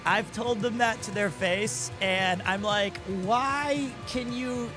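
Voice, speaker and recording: Over background music, a high-pitched man in his forties from Missouri, USA, talks at a slow pace in casual live-stream chat. His manner is goofy and self-deprecating, and he keeps tripping over his words and starting sentences again.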